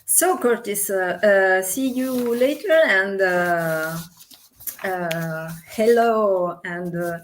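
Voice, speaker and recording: A woman whose first language is Italian asks interview questions in English with a clear Italian accent. She speaks slowly and haltingly, filling gaps with uhs as she searches for words. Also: mid-range voice, slight background noise.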